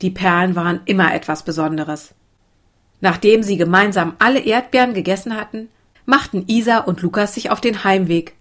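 A woman reading a children's storybook aloud in a calm, even way. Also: mid-range voice, moderate pace. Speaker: narrator.

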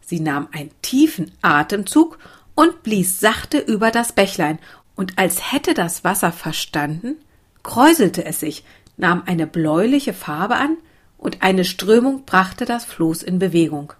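Calm woman reading a children's story. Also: medium pitch, unhurried. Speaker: narrator.

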